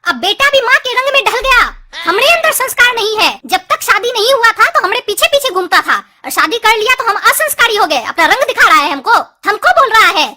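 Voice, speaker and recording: A woman voicing a sulky, sharp-tongued young bride in a cartoon, complaining. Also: very high-pitched, sing-song, heavily acted. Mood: indignant. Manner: whiny, complaining, quick retorts.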